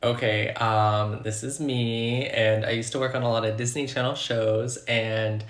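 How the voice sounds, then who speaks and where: A man telling a story slowly and hesitantly, with many pauses and ums. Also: medium pitch, little pitch movement, a bit bright. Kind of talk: casual storytelling. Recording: roomy echo.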